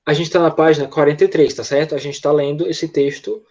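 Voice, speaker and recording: A man with a Brazilian accent teaching an English class online, patiently walking pupils through repetition and often checking in with quick tag questions. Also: on the high side, fairly even intonation, darkish tone, muffled recording.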